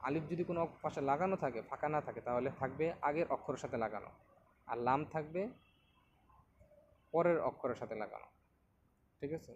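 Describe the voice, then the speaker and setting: A man teaching a beginners' reading lesson, patiently explaining and repeating each letter slowly for learners to copy. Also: medium pitch, highs cut off, slight background noise. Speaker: Quran teacher.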